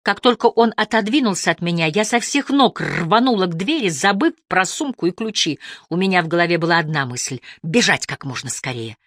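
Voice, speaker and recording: A woman reads a first-person story aloud as an audiobook narrator, her voice sitting on the lower side. Her delivery is expressive, with a lively pitch that swings between hushed and lifted tones. The recording is dry and close, with no room sound. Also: brisk, dry recording.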